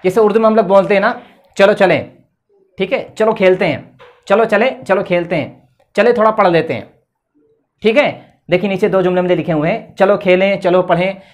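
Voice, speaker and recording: A man's voice: sits high, a little fast. Patient male English teacher, tinged. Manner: repeats "theek hai" often, explains patiently. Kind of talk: classroom lesson at a board.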